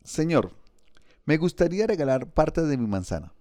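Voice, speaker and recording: A man reading a storybook, voicing a gentle, polite, pious schoolboy. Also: on the high side, big pitch swings, normal speed, no room sound, studio quality, pitched above the performer's own voice.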